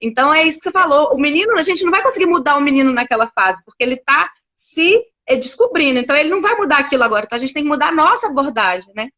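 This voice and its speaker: Chatty woman host, quick and high, bright voice, talks right to the viewers. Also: expressive. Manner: fast and chatty, addresses the audience directly. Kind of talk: casual conversation.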